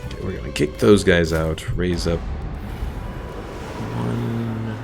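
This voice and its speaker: Game music plays behind a young man casually commentating his strategy game stream. He speaks slowly in a low voice with vocal fry, thinking aloud and walking through the mechanics as he plays.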